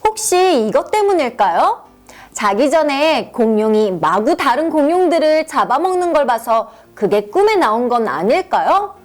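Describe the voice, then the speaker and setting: A woman's voice: sits high, very animated, moderate pace. A woman narrating a children's story, asking the listeners questions in a sing-song manner.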